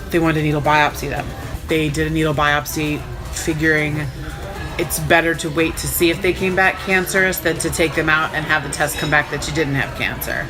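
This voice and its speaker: A woman sore and recovering from surgery tells her story casually, in a frank, wry, sarcastic way. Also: low voice. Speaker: vlogger recounting own surgery. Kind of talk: casual first-person storytelling.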